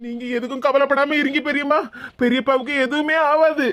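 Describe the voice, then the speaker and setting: A voice actor doing a quick, high cartoon nephew. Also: fairly even intonation, a bit bright. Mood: reassuring. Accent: Kanyakumari Tamil. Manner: reassuring, urgent. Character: caring young nephew, calm and reassuring. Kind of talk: cartoon voice acting.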